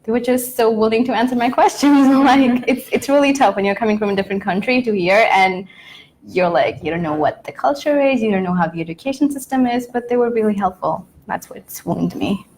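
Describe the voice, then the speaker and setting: A graduate student from India answering panel questions in a thoughtful, earnest way. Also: female voice, a little high, a little fast, darkish tone, a little hiss or hum.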